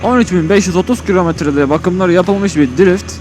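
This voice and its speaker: A man's voice: high voice, moderate pace, darkish tone. A man talks from inside a motorcycle helmet as he rides, rambling colloquially and thinking aloud in a casual vlog style. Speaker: motovlogger. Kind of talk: casual vlog commentary while riding. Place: outdoors on a motorcycle on an open road. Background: music, vehicle on the road.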